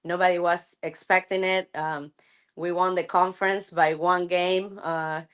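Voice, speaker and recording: A middle-aged woman from Argentina, a softball coach chatting thoughtfully in an interview, with many fillers and restarts. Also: lowish voice, flat delivery, unhurried, clean tone. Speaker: college softball head coach. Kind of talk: casual interview chat.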